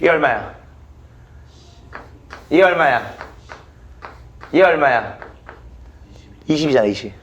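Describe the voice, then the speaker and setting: A man's voice: fairly high pitch, expressive, slow, pauses often, a bit bright. A male math teacher giving a classroom lecture, blunt and swearing casually as he quizzes students.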